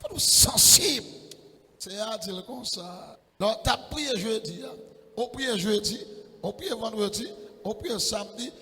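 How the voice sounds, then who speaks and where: Impassioned preacher in an echoey church. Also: male voice, high-pitched, measured pace. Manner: impassioned, rising into shouted sing-song calls. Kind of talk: sermon.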